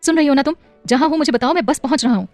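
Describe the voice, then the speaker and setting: A loving husband and father in an audio story, soothing and protective, as a woman narrator voices him. He speaks at a middle pitch in a dry, close setting with faint music underneath. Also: quick pace, darkish tone, no room sound, close to an everyday voice. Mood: urgent. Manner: soothing then urgent. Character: adult man, worried loving husband and father.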